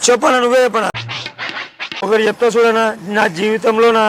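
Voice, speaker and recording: A man's voice: very high voice, steady tone, brisk, over music. A young man pulling a prank, playing a heartbroken guy and pleading with repeated questions, recorded outdoors on a street. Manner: pleading, keeps asking questions, repeats himself.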